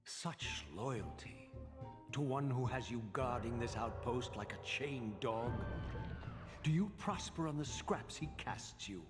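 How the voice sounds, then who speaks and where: A man's voice: medium pitch, very animated, slow pace. A man voicing a proud, scornful undead antihero in a video game with theatrical, sardonic formality. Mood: scornful, defiant. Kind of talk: dramatic video game acting. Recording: long cavernous reverb with music behind.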